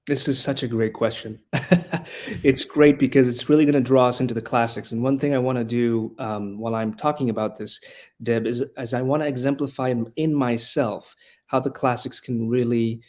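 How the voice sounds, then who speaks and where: Guesting on a podcast, this classical school leader and rhetoric teacher from Honduras talks with earnest passion and frequently starts his phrases over. His medium-pitched voice is a little mellow, with fairly even intonation and a moderate pace.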